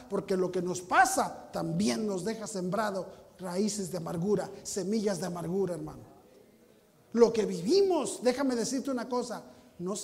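High, gravelly pastor preaching. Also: male voice, long reverb tail. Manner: emphatic preaching, swinging between loud and hushed; teasing, mocking asides to the congregation. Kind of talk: sermon.

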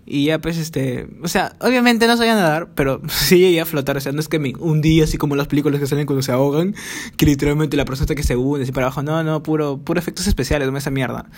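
A young-sounding man races through a rambling podcast monologue. His voice sits a little high for a man, and his talk is loaded with crude swearing, fillers and self-mockery. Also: fast. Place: home, recording alone.

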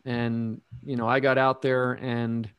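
A middle-aged man telling his own story in a casual interview, slow and reflective with many ums and restarts. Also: medium pitch, level tone, clear, resonant tone. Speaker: guest sharing recovery story.

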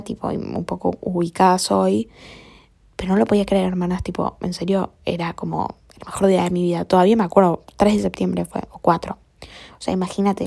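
A woman's voice: mid-range voice, vocal fry, dark tone, no room sound, studio quality. A young woman with an Argentine accent tells a story in a casual, chatty way. She swears a lot, uses plenty of slang and often drops to a whisper. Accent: Argentine Spanish.

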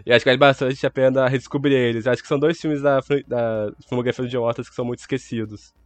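A man's voice: mid-range voice, fairly even intonation, fast, dry recording. A Brazilian man co-hosting a casual, opinionated film podcast, his voice affected by flu and an inflamed, swollen throat. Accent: Brazilian Portuguese.

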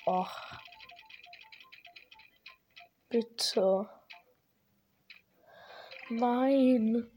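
A woman giving casual, hesitant, self-deprecating gameplay commentary, recorded in low quality straight into a tablet's built-in microphone. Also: drawn-out words, long pauses, dull audio. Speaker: gaming streamer. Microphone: built-in tablet microphone, no separate mic. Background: music.

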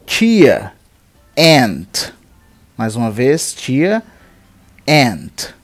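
A man with a Brazilian Portuguese accent teaching English vocabulary, slowly repeating each word for the learner to echo. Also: mid-range voice, huge pitch swings, faint music behind. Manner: slow, deliberate drilling of words and phrases. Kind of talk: language lesson with repeat-after-me drills.

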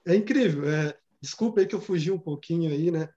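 A man's voice: on the high side, fairly quick, mellow. A man earnestly telling a personal story in casual conversation, full of fillers and repeats. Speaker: study group member. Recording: dull lo-fi sound.

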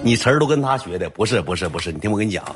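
A man with a Northeastern Mandarin accent telling a comic story on a livestream, animated and colloquial. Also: fairly low pitch, very fast, over music. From Northeast China. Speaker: storyteller streamer.

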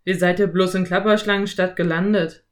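A woman voicing a lanky, friendly male cowboy in an audiobook, speaking loudly with an easy, self-assured drawl. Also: on the low side, fairly even intonation, brisk, natural voice. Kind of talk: audiobook character voice.

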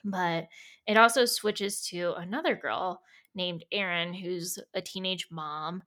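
A woman co-hosting a podcast, recapping a show in relaxed casual chat, often pausing on "um". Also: on the low side. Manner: relaxed recap with many ums and filler words. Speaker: podcast co-host.

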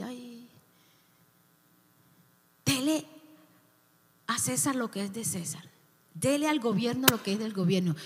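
A woman pastor preaching with fervor, her voice pitched a little high. She stacks emphatic repetitions on top of each other. Her words ring out with the long reverb of a church hall. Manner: impassioned, building emphatic repetitions. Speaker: youth pastor. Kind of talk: sermon.

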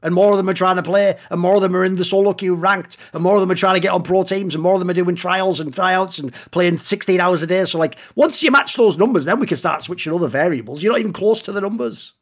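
A man with a high, husky voice rattles through his points at speed in a relaxed podcast chat. He talks bluntly, swears freely and rants with conviction. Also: fast talker, few pauses.

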